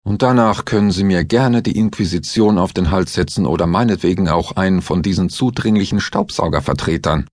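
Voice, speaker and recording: A composed doctor-investigator in an audiobook thriller, as a man reads him, his mockery dry and amused. The voice stays fairly low and husky, close and dry with no room around it. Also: a little fast, hardly any pauses, darkish tone, no echo.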